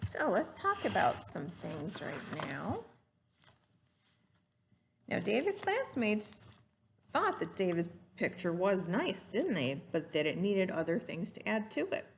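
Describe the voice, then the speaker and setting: A mid-range, sing-song, creaky voice belongs to a woman slowly reading a story to kids like a teacher would. Didactic in tone, she offers explanations and poses questions to the listener, with a slight hiss or hum in the background.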